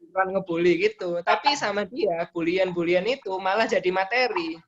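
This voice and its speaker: A man's voice: high-pitched, moderate pace, fairly bright tone, dull audio. A man calling in from a stand-up comedy community, chatting casually and rambling a bit. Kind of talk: casual phone-in chat.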